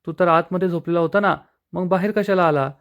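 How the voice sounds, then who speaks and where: A man's voice: high-pitched, steady tone, a little fast, a bit bright, muffled recording, voice pushed up. A man voicing a nosy, forgetful young man who keeps questioning in a whiny, insistent way.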